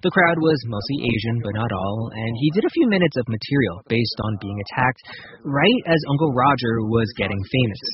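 A man narrating a scripted radio feature as a reporter, measured and conversational. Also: medium pitch, lively intonation, highs cut off.

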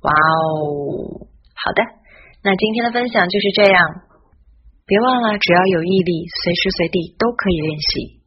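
A woman giving a scripted English pronunciation lesson in Chinese, spelling out letters and modeling each sound slowly. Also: medium pitch, steady tone, breathy edge, muffled recording.

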